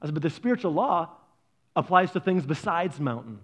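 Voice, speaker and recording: A man preaching a sermon, animated and conversational, acting out quoted voices. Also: brisk, breathy edge. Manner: animated, acts out quoted voices with big pitch jumps. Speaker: pastor.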